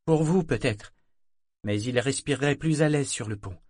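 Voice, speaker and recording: A man reading an audiobook voices a ragged young man who speaks softly but insists. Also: mid-range voice, normal speed, husky, dry recording, clean studio sound, voice pushed up, lightly acted. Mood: pleading. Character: gaunt ragged young man, gentle and persistent.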